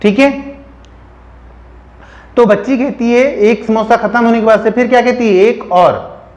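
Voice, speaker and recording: High-voiced male teacher telling a lesson story. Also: little pitch movement, moderate pace, a little mellow, roomy sound. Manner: asks the listener questions and answers them himself; keeps checking in with "theek hai". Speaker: biology teacher.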